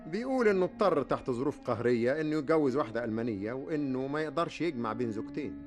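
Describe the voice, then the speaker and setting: A man's voice: medium pitch, lively intonation, rapid-fire, faint music behind, close to an everyday voice. A man playing Mohamed, an earnest young Egyptian. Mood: grave. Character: young man Mohamed, grave bearer of bad news. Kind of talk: radio drama acting.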